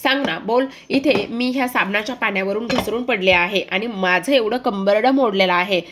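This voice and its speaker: A woman's voice: mid-range voice, moderate pace, a bit bright, a little hiss or hum, lightly acted. A woman voicing a haughty middle-aged woman who accuses others and complains, in a television serial recap. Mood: aggrieved.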